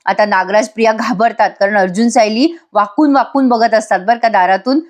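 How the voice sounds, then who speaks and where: A woman's voice: fairly high pitch, a little fast. A woman giving a voice-over review of a TV serial episode, chatty and constantly turning to her viewers. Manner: chatty, keeps addressing viewers.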